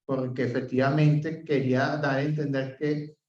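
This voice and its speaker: A man with a Venezuelan accent teaching an open class, explaining step by step, filling pauses with "eh" and checking in with "¿ok?". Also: mid-range voice, flat delivery, a little mellow. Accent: Venezuelan Spanish. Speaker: professor. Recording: roomy, distant, dull sound.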